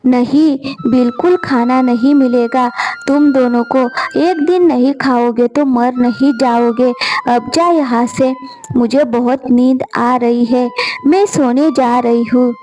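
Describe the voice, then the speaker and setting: A woman voicing a sharp-tongued, scheming village stepmother in a storybook, scolding and boastful. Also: high-pitched, fairly even intonation, takes it slowly, soft background music, low-quality recording. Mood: harsh. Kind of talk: storybook character voice.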